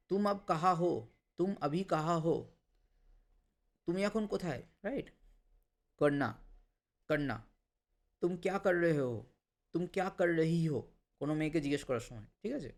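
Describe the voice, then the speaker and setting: A man teaching a language lesson, saying each word and then repeating it slowly, with English phrases mixed in. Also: fairly high pitch.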